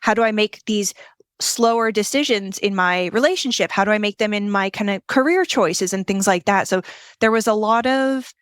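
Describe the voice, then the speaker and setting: Female guest; thoughtful, measured delivery, medium pitch, dry recording. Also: fairly bright tone, no room sound. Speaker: interview guest. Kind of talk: casual interview chat.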